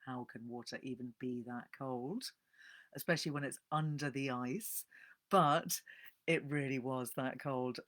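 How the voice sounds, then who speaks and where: A woman, giving a casual, animated live-stream talk on books and greeting viewers as they join. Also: a bass voice. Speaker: bibliotherapist hosting a live book talk.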